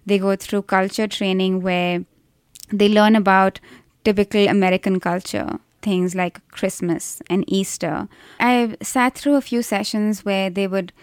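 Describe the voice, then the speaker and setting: A woman's voice: mid-range voice, fairly even intonation, a little slow, clear, resonant tone, dry recording, studio quality. A woman from India with an Indian accent, giving thoughtful, explanatory answers in a conversational interview. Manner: thoughtful, explanatory, with frequent restarts and hedges. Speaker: interview guest, researcher of call centers.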